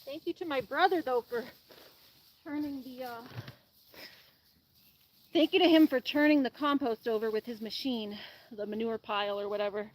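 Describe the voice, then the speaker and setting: Outdoors in a farmyard garden, a woman who hosts an animal channel shovels compost and chats casually with a live audience, sniffling from allergies. Her voice sits a little high, and she rambles at a moderate pace with frequent "like"s and long pauses. Audio quality is poor.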